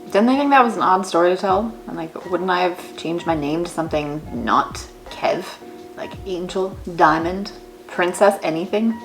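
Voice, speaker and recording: A woman's voice: lowish voice, moderate pace. A woman hosting a casual storytelling vlog, informal and sweary, playing both parts in re-enacted conversations. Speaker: video host and tradeswoman. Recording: roomy echo, faint music.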